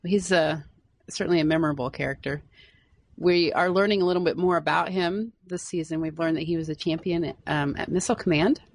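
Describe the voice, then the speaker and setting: A woman's voice: sits low, fairly quick. A woman interviewing an actor in a chatty, enthusiastic way. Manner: chatty, enthusiastic fan questions. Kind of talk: casual interview chat.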